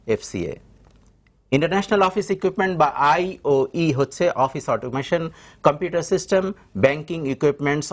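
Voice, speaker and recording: A man hosting a business TV show, reading a formal scripted introduction. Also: mid-range voice. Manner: formal, announcing. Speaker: show host. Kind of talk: scripted narration.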